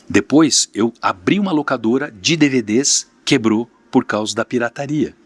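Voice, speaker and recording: A Brazilian man with a medium-pitched voice talks at normal speed in a recording without echo. As a podcast guest and mentor, he tells candid, plain-spoken stories about his businesses in a casual interview.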